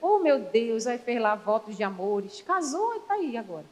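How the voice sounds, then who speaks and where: A woman's voice: fairly high pitch, sing-song, moderate pace, darkish tone. A Brazilian woman preaching a sermon in church, playful and calling on the congregation to answer back. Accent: Brazilian Portuguese. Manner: playful, calls for congregation responses. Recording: long reverb of a church hall.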